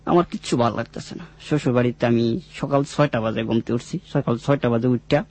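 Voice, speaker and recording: A man's voice: mid-range voice, brisk, darkish tone. A man in his twenties with a rural Mymensingh Bangladeshi accent, a radio guest telling his own story in plain, repetitive, informal dialect. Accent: rural Mymensingh-region Bangladeshi. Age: 20s.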